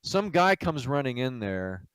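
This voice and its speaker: A man's voice: mid-range voice, sing-song, a little slow, a bit bright, smooth, dry recording, rough recording. A man giving an informal lecture on project management, telling stories in a blunt, salty way with lots of fillers. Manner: casual, blunt, salty, lots of "you know". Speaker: game studio executive teaching project management.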